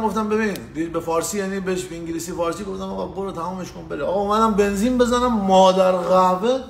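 A man's voice: high voice, fairly bright tone. A man casually telling a story on a live stream, slangy and swearing, greeting viewers by name. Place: indoors in the US. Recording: echoey room with faint ambient noise.

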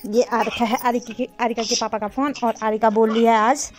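A young mother, filming a casual family vlog outdoors on a village rooftop and coaxing a baby in loud, sing-song baby talk. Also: a little high, level tone, moderate pace. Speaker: vlogger and mother.

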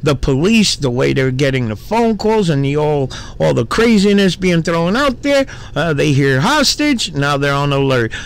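A man's voice: on the high side, sing-song, moderate pace, creaky, few pauses, clear, resonant tone. A man hosts a casual commentary video, reacting to footage he has just played. He sounds fed up and swears freely, with plenty of filler words. His voice sits slightly above the usual range for a man. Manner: exasperated, swears, many fillers. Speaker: commentary channel host.

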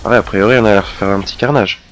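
A man giving casual, chatty commentary over his own gameplay, excitable and quick to mock himself. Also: on the low side, slight background noise. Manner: chatty, self-mocking, excitable. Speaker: let's play gamer.

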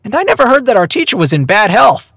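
A man's voice: high-pitched, big pitch swings, quick pace, gravelly, a bit bright, no echo, clean studio sound, pitched above the performer's own voice, exaggerated voice. A man voicing a puzzled young man who murmurs suspiciously to himself.

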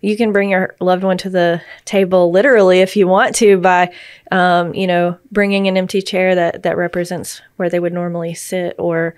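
A woman speaking as a grief counselor and podcast co-host, giving gentle, reassuring explanations in conversation. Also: lowish voice, flat delivery, moderate pace, smooth, dry recording, clean studio sound.

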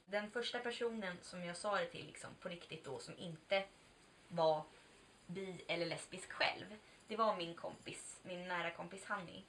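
Captured by a distant mic amid faint background noise, a twentysomething woman vlogger recounts a personal story casually and confessionally. Her fairly low-pitched voice is a bit bright as she chats frankly, swears occasionally and acts out dialogue.

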